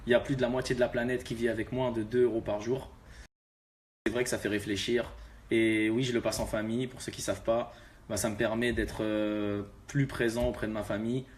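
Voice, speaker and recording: Young man, rapper, low voice, laid-back slangy talk, faint background hum. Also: level tone, a little fast. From Algeria. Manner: laid-back, street slang, addresses viewers directly. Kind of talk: casual talk to fans.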